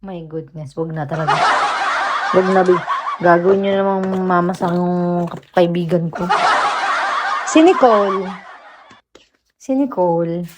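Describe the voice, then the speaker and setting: A woman's voice: fairly low pitch, a little slow, long pauses. A woman, hosting a casual livestream and chatting and teasing her viewers. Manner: chatty, teasing, breaks into soft singing. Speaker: livestream host. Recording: loud background noise.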